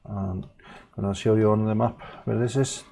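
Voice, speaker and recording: An Icelandic man chatting casually on a live stream as he paints, halting and correcting himself often, with frequent small chuckles. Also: lowish voice, fairly even intonation, vocal fry, warm tone, slight background noise. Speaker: livestreaming painter.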